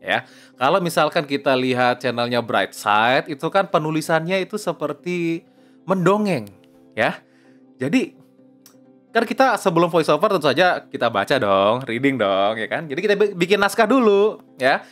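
A man's voice: a little high, animated, moderate pace, a bit bright, soft background music. A young man giving a casual spoken tutorial on voice-over, chatty, often tagging "ya" and "oke", dropping in English phrases. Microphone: close lapel mic.

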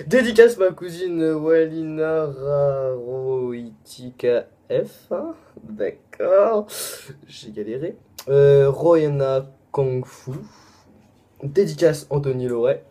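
A young man with a French accent, rattling off a long list of names in a casual shout-out video, with quick asides and apologies. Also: a little high. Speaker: vlogger.

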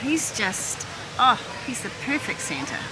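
A slightly high, sing-song voice at a measured pace belongs to a middle-aged vlogger filming a shopping trip on a handheld phone. She chats and thinks aloud while browsing a busy warehouse store, loud store noise in the background.

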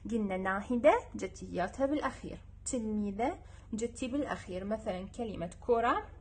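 A young woman with an Iraqi Arabic accent, teaching a children's lesson and repeating each sound slowly and patiently. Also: mid-range voice, expressive, darkish tone, breathy edge.

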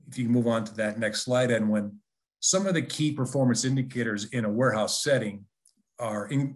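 Persuasive man presenting a business webinar. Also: mid-range voice. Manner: conversational, persuasive, with frequent restarts.

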